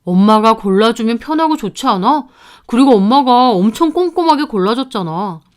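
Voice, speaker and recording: A woman voicing a touchy, quick-tempered young fiancé who turns defensive and shouts. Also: a little high, expressive, lightly acted.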